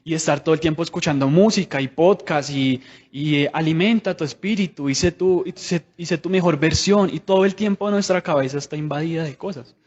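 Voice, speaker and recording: A man's voice: a little high, brisk, darkish tone, highs cut off. A man preaching a sermon in a conversational way, asking the congregation many rhetorical questions.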